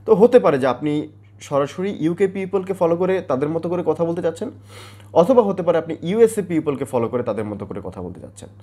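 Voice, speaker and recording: A man's voice: fairly high pitch, darkish tone. A man from Bangladesh, an IELTS tutor, explains step by step in a video lesson, with frequent hesitant fillers.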